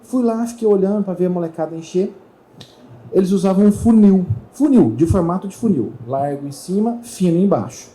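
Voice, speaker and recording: A middle-aged man speaks from a trade-fair stage, and his pitch swings up and down as he acts out the voices of others. His voice is very dark and mellow despite its slightly high pitch. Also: fairly quick, poor audio. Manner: animated storyteller who acts out voices in dialogue. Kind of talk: storytelling talk to an audience.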